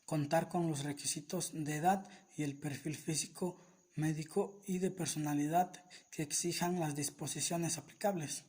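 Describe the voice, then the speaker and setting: A man reading aloud a summary of a law in a formal, steady, list-like way. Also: fairly high pitch, moderate pace, breathy edge. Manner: steady, even, list-like delivery. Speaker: reader of a legal summary. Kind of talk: formal reading of legal text.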